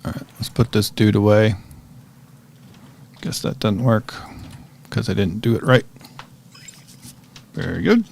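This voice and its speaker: Gravelly man, lowish voice, laid-back gameplay commentary, self-talk. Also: unhurried, pauses often, slight background noise. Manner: relaxed, chatty, talks to himself while playing. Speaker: gaming streamer.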